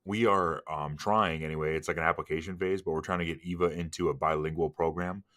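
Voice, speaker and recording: A man in his thirties co-hosting a podcast, laid-back and joking, with deadpan quips. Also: rumbling low, fast talker, dry recording. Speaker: podcast co-host. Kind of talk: casual chat.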